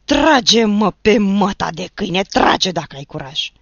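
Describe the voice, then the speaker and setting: A fierce young peasant man yells a defiant challenge in a bright, forceful voice, as a woman narrator acts him out. The storybook voice is loud and raw, recorded dry and slightly dull. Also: medium pitch, animated, dry recording, voice pushed up. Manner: defiant, yelling.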